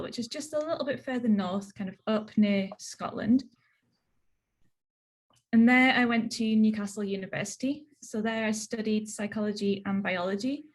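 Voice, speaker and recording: Over a video call, a young woman from northeast England presents her research in her Northeast English accent, using a mid-range, darkish voice. She explains things plainly and chattily, often saying "so" and "um".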